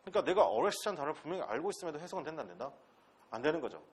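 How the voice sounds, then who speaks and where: This Pohang-born English instructor at a South Korean transfer-exam academy races through his lecture in a fairly high, gravelly, husky voice that's very animated. He speaks with a Gyeongsang accent, bluntly and casually, mixing in crude slang and constantly tossing rhetorical questions to the class.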